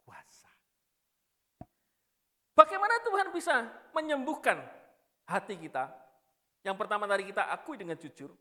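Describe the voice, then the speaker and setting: Animated preacher man. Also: on the high side. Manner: animated, swinging from loud emphasis to hushed confession. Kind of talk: sermon.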